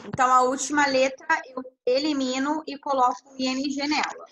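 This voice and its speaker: A woman's voice: sits high, brisk, a bit bright, slight background noise, rough recording. A woman, tutoring English over a video call, patient and humming "tananã" to mark blanks. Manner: patient, fills blanks with sung "tananã", spells letters. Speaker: English teacher. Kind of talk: online class tutoring.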